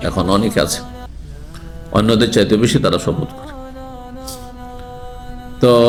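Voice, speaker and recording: A man delivers a religious lecture, steady and explanatory, in a medium-pitched voice. He keeps turning to his listeners with rhetorical questions. Faint background music runs under his voice. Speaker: Islamic scholar giving a lecture.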